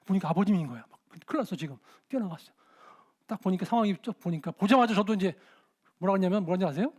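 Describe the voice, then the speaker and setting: Middle-aged male pastor, high voice, animated sermon storytelling. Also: very fast, breathy edge. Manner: animated storytelling, shouting out quoted dialogue. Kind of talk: sermon with dramatized anecdotes.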